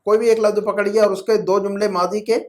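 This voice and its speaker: A man's voice: high voice, level tone. A man teaching a class at home, patient and repetitive, drilling his students with questions. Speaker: Arabic grammar teacher. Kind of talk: online class explaining in Urdu.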